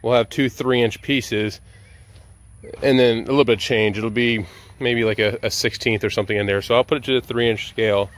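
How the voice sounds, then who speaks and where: A middle-aged sawmill operator and vlogger chats casually outdoors at an open-sided sawmill shed and yard, thinking aloud as he narrates his hands-on work. His voice is mid-range, with fairly even intonation at a normal speed. Noisy outdoor ambience and vehicle sounds fill the recording.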